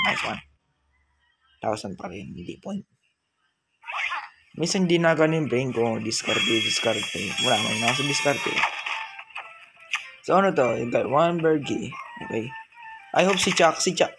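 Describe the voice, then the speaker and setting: A man with a Filipino accent giving casual commentary while playing a mobile game, chatting to himself and the game and mixing English with Tagalog. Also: fairly high pitch. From Philippines. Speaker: gaming channel host.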